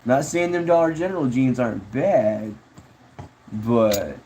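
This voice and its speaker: A man's voice: mid-range voice, unhurried, warm tone, a little hiss or hum, low-quality recording. A man chatting casually on a livestream, rambling laid-back about viewer comments and calling people bro and dude. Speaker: streamer.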